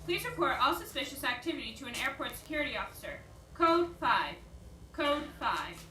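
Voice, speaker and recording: A woman plays a calm, formal airport announcer heard over the intercom. Her high voice rises and falls with each announcement. It sounds echoey and distant, as if it comes through a loudspeaker. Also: a little fast, slight background noise, heavily acted. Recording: echoey, from far off.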